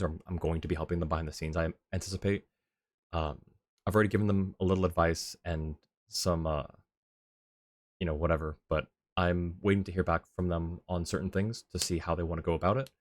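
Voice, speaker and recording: Over background game music, a low-voiced man rambles casually while streaming a game, thinking out loud in a laid-back way. The recording is dry.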